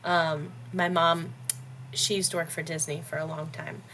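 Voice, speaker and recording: Woman, 30s, podcast guest; blunt, jokey, quick to laugh, slightly low voice. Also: slight background noise. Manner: blunt, joking, animated, laughs often between phrases. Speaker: podcast guest, business owner. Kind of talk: casual conversational interview.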